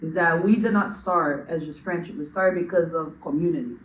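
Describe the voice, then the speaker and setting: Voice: medium pitch, a little fast, a bit bright, slight background noise. A young podcast co-host from Brazil, chatting reflectively at length with many fillers. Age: young adult. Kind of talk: casual chat. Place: room in a school building. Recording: echoey room, distant mic.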